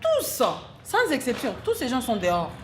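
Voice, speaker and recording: A woman judge answers an interviewer in a halting way, often restarting and repeating words. Her voice sits slightly high, with faint music underneath. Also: wildly swooping pitch.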